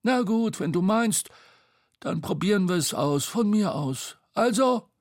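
Bo, a cheeky high-voiced little creature. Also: male voice, lively intonation, unhurried, dry recording, clean studio sound. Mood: bossy, perky. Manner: perky, high and bossy. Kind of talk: storybook read-aloud.

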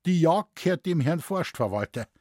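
A man voicing a gruff, deadpan old forest warden with a Bavarian accent, telling tall tales in dialect. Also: a little high, moderate pace, dry recording, clean studio sound, pitched above the performer's own voice.

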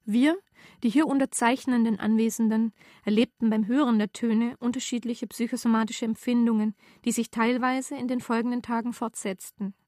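A woman reading her first-person story aloud in a measured, deadpan way, recorded close to the mic. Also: on the high side, no room sound. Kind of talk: literary reading.

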